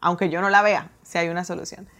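A woman telling a personal story in a casual, animated way, acting out her own reactions. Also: fairly low pitch, fast. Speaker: guest telling her testimony.

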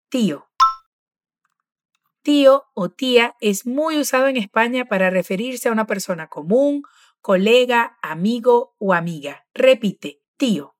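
A woman teaching pronunciation, patient and encouraging as she models words slowly for the learner to repeat. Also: a little high, dry recording, clean studio sound. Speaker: language teacher. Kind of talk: pronunciation drill lesson.

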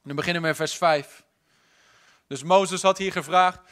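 A high, bright-toned man delivers a church sermon with passion. He climbs to strong, ringing emphasis and then drops to near-hushed intimacy, pressing each point home as the congregation's pastor. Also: fairly even intonation, moderate pace, clear, resonant tone. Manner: impassioned, swinging from loud to hushed. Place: church service.

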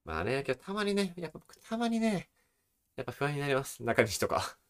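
A young man in his twenties co-hosting a relaxed podcast chat, chuckling often. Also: on the high side, brisk. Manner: relaxed, chuckling, demonstrates voices. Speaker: podcast co-host. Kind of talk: casual chat.

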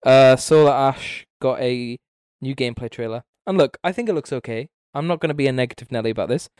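A man's voice: medium pitch, brisk, a little mellow, smooth, no room sound, studio quality. A man co-hosting a casual gaming chat, swearing often and giving blunt opinions. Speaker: podcast co-host.

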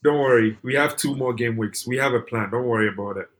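A man's voice: medium pitch, fast, background noise. A man on a podcast panel in casual, slangy banter, defending himself against teasing.

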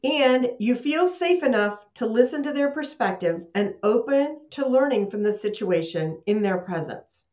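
Slightly high and darkish, this woman's voice is animated, with a moderate pace and few pauses. She hosts a live online session in a chatty way, laughing often and restarting mid-sentence. It's dull, roomy video-call audio from a computer mic in an echoey room.

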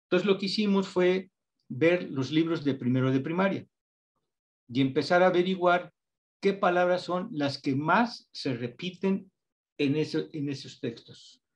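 Mexican man, interview guest, patient teacherly explainer with a slightly raised pitch. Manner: patient, teacherly, spells out examples slowly. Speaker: guest researcher on reading instruction.

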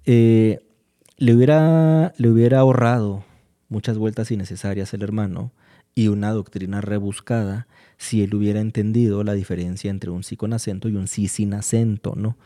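A man from Mexico, speaking as a guest in a casual discussion about faith, in a measured, explanatory way with frequent pauses. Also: fairly low pitch, steady tone, warm tone.

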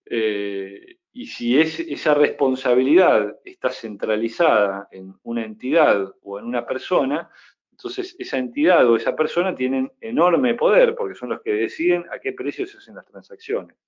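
A man, a guest in an interview, explaining a technical project in a measured way with many restarts. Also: medium pitch, lively intonation, dull audio. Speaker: guest, crypto project founder.

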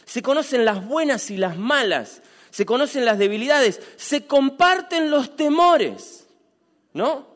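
A man with a Rioplatense Spanish accent preaching a sermon as a pastor, animated and repeating phrases for emphasis. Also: very high-pitched, slow pace, in a large hall. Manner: animated, acts out quoted dialogue, repeats phrases.

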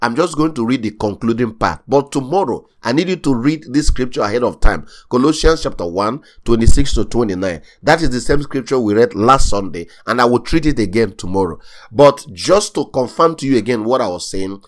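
A man's voice: medium pitch, animated, a little fast. A man preaching a sermon as pastor, emphatic and repetitive, with rising bursts of intensity.

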